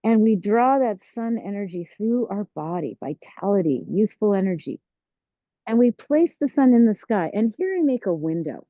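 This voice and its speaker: A woman teaching a tai chi class, giving serene, encouraging, unhurried movement cues. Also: medium pitch, very animated. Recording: roomy, dull lo-fi sound.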